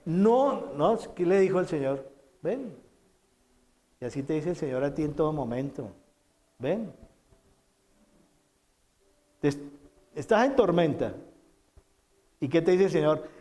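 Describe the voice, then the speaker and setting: Emphatic Spanish-speaking pastor preaching. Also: male voice, animated, moderate pace. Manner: emphatic preaching with repeated phrases and dramatic quotes; swings between loud quoted lines and soft low asides. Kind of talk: sermon.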